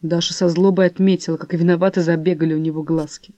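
A woman narrating a novel in an even, measured reading. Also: lowish voice, dry recording. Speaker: audiobook narrator. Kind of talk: scripted narration.

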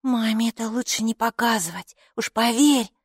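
Woman doing an excited big-sister schoolgirl, high voice, whispery secrets. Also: normal speed, dry recording, clean studio sound, lightly acted. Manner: eager, conspiratorial whispering.

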